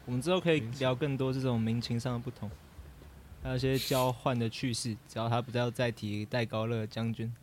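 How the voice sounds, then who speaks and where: A young man chimes in with short, wry and teasing replies. His pitch sits in the middle range. A faint hiss runs under his voice. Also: fairly even intonation, a little fast. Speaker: podcast co-host. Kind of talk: casual chat.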